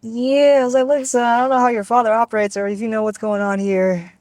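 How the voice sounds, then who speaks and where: A woman's voice: fairly high pitch, flat delivery, quick pace, darkish tone, no echo. Blunt, profane woman telling a story. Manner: blunt and profane, acts out quoted lines. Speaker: guest storyteller. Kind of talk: casual storytelling chat.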